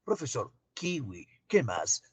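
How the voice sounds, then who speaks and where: A man teaching an online class, asking students drawn-out questions. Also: medium pitch, wildly swooping pitch, husky, dry recording.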